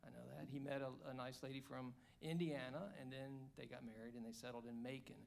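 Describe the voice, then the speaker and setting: A man's voice: mid-range voice, level tone, fairly quick, gravelly. A man in his fifties from Georgia, a candidate giving a chatty, joking forum speech at an indoor evening event. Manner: joking, chatty, rambling asides. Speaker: congressional candidate.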